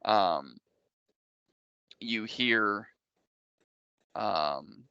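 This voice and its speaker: A man narrates a tabletop game as game master, casual and explanatory, feeling out his phrases as he goes. His voice is bright and forward, recorded dry and close with a slightly dull top end. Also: fairly low pitch, animated, very slow, smooth, no echo.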